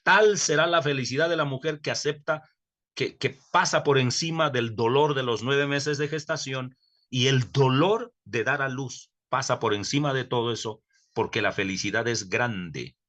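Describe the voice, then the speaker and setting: Bright-voiced man giving an earnest theology lecture. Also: mid-range voice. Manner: earnest, emphatic, slows down to stress key words, with self-corrections. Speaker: theology professor. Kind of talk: recorded online lecture.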